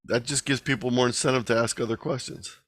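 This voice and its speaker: A man appears as a guest presenter in an online meeting, explaining things conversationally and fielding questions in an informal Q&A. His medium-pitched, slightly bright voice moves quickly with fairly even intonation, and there is a little background noise.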